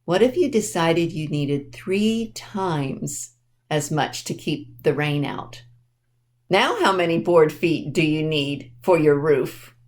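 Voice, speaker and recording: With a deep voice and lively intonation, a woman teaches a children's storytime lesson, keeping her words simple, spelling things out with care, and checking comprehension through questions.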